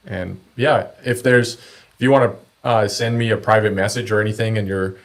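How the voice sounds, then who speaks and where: A man's voice: fairly low pitch, fairly even intonation, moderate pace. A man chatting casually and telling anecdotes in laid-back, slangy talk as a podcast guest. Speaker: podcast guest, kayak angler.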